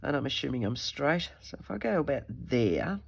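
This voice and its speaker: A woman with a stuffy head cold hosts a craft video, chatting away and talking to herself as she works on her project. She has a bass, husky voice with vocal fry and a sing-song lilt, at normal speed.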